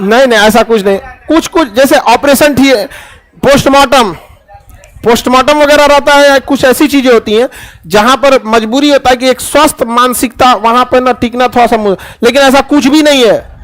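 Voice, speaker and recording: A man's voice: very high-pitched, normal speed, fairly bright tone. A man teaching chemistry to a class, joking and acting out little scenes as he lectures.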